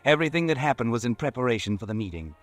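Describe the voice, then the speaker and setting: A man playing the Whistler, an eerie, all-knowing narrator who walks by night, telling the story slowly and ominously in a 1940s radio drama. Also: medium pitch, big pitch swings, natural voice. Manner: slow, ominous, measured storytelling. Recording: old radio recording with faint music.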